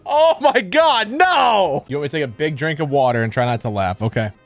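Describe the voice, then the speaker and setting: A man reacting casually to jokes, bantering and commenting in an expressive way. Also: mid-range voice, rapid-fire, dry recording. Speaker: reacting listener in a joke session. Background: music.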